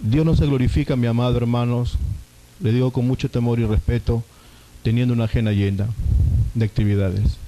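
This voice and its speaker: A man's voice: medium pitch, fairly even intonation, fairly quick, warm tone, a little hiss or hum, rough recording. A man, a pastor, preaching a sermon and telling a personal testimony, often calling his listeners brothers.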